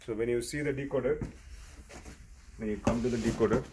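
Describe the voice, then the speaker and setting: A technician gives hands-on training, showing how equipment works in a step-by-step, repetitive way. His medium-pitched voice is fairly even and a little fast, with background noise in the recording.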